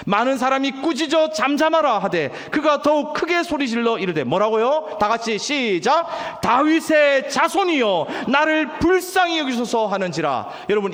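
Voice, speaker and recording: High, animated Korean pastor preaching. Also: male voice. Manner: emphatic preaching with call-and-response questions to the congregation. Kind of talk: sermon. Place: church sanctuary. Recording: long hall reverb.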